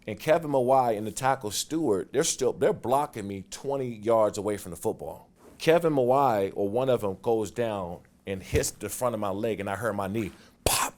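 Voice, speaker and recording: A man in his forties with a fairly low voice, recounting old football stories in a relaxed interview. He talks animatedly and rises to loud, quick bursts when the tale heats up. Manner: animated storyteller, gets loud and fast when excited. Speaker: guest, former football player. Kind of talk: casual storytelling interview.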